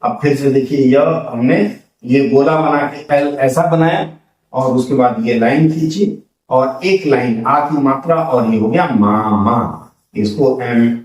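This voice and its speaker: A man teaching the Hindi alphabet step by step, patiently repeating each letter as he draws it. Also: mid-range voice. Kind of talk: slow step-by-step alphabet lesson. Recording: roomy sound from a distance.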